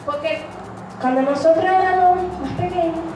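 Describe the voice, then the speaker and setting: A woman with a strikingly high voice delivers an earnest sermon. She acts out short dialogues as she goes. Her voice carries from some distance through a heavily echoing church hall. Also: normal speed, music in the background. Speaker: preacher. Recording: very echoey hall, mic far off.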